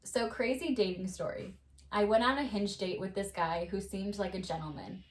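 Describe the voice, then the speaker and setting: A woman co-hosting a podcast, a mother telling stories in casual chat, animated and swearing freely. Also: mid-range voice, normal speed. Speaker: podcast co-host.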